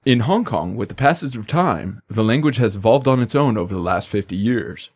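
A man's voice: fairly low pitch, animated, brisk, slightly rough. A man co-hosting a language lesson podcast in upbeat, jokey scripted banter.

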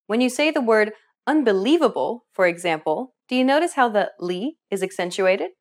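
A woman hosting a pronunciation course, narrating a scripted lesson in a clear, explanatory teacher's manner. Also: medium pitch, lively intonation, brisk. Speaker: language course host.

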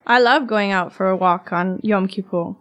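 A woman's voice: medium pitch, moderate pace, fairly bright tone, highs cut off. A woman co-hosting a scripted podcast, asking curious, friendly questions and adding her own notes. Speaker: podcast co-host. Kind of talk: scripted educational podcast dialogue.

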